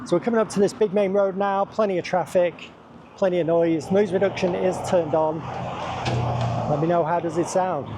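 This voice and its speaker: A man's voice: high voice, fairly even intonation, normal speed. A man talking casually while riding outdoors near a busy road, recorded on a wireless lav mic with noise reduction processing on, speaking up over the wind. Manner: talks loudly over wind, tries not to shout. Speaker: gear reviewer.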